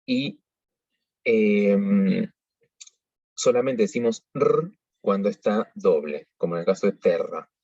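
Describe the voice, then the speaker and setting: A man teaching pronunciation in a measured, explanatory way, pausing often to think. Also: lowish voice, lively intonation, warm tone, no echo. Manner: measured, explanatory, with frequent hesitations. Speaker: liturgical singing workshop teacher. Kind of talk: pronunciation tutorial. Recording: dull lo-fi recording.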